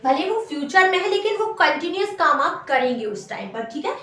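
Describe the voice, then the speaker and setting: A woman's voice: sits high, very animated, a little fast, pushed and bright, distant mic. A woman teaching an English grammar lesson, explaining patiently and repeating every example sentence. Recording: echoey room, voice from afar.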